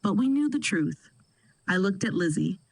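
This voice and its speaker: A woman narrating a first-person family drama in a steady, dramatic storytelling manner. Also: mid-range voice, moderate pace, breathy edge, no echo, poor audio.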